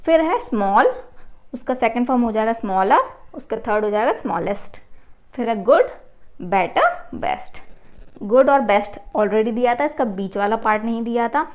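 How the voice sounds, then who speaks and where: A woman teaches a class lesson. She reads the lines slowly and carefully, then explains them at a patient, even pace. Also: a little high.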